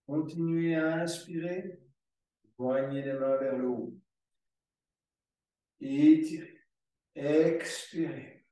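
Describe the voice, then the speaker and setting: A man teaching a yoga class, calling out poses and breath cues in slow, drawn-out repetitions. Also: a little high, steady tone, dark tone. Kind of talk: guided yoga class instruction. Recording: very echoey room, voice from far off the mic.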